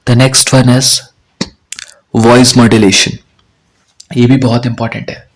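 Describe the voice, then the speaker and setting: A man's voice: mid-range voice, level tone, slow pace. A man in his forties with an Indian accent, lecturing students in an online spoken English class and addressing them directly.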